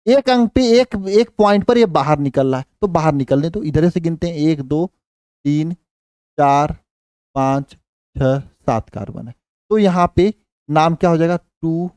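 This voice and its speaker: A somewhat high-voiced man teaches a chemistry class in Hindi. He counts slowly, quizzes his students and repeats answers back to them. His voice climbs when he stresses a rule, and the close mic keeps the sound dry. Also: a little mellow, no echo. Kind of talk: live online class teaching.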